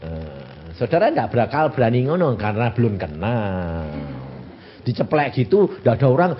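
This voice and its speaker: A man's voice: medium pitch, big pitch swings, moderate pace, a little hiss or hum. A man in his eighties with a Javanese accent, preaching a sermon and often asking his congregation rhetorical questions. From Central Java, Indonesia. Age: 80s. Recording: dull lo-fi recording.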